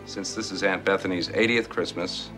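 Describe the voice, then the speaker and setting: A man's voice: deep voice, fairly even intonation, moderate pace, over music, lightly acted. An actor playing an eager family father making a formal announcement at a holiday dinner in a comedy film scene. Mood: ceremonious.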